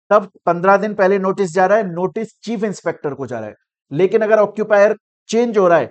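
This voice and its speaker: A man teaching a law class with lively energy. His voice sits a little high for a man. He poses questions, answers them himself, and plays out students' doubts to keep the lesson moving. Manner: animated, asks and answers his own questions. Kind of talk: classroom lecture.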